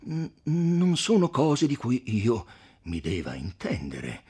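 A modest friar answers slowly and haltingly, lower than the others, as a male reader acts him out. His voice has a husky grain. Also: huge pitch swings, mellow, heavily acted. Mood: hesitant. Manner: hesitant, slow and modest. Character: humble, hesitant male friar.

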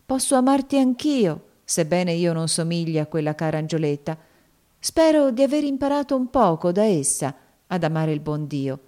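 A woman voicing a kindly but firm grown woman who speaks softly and soothingly. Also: fairly low pitch, lively intonation, moderate pace, lightly acted. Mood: tender comfort. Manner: soft, soothing, persuasive.

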